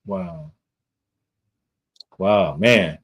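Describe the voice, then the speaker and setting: A man's voice: low-pitched, extremely slow, very noisy. A man hosting a podcast, asking casual, rambling questions with lots of fillers. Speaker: podcast host. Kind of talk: podcast interview.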